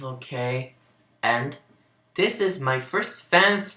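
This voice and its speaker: A man gives an amateur dramatic reading of fan fiction in a roomy, echoey home recording. His mid-range voice is expressive, slow, pushed and bright, and he adds sarcastic, sweary asides, often breaking into laughter.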